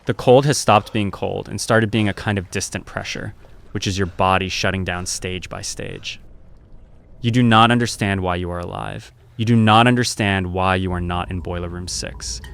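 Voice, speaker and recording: A man narrating a scripted story in second person, in a measured, grave and deliberate way. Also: low-pitched, steady tone, vocal fry, a bit bright, clean tone.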